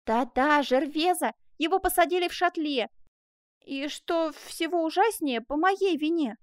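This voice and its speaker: A woman voicing an excitable young man who exclaims in agitation, in a storybook reading. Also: sits high, measured pace, no echo, clean studio sound, voice pushed up. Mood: pleading.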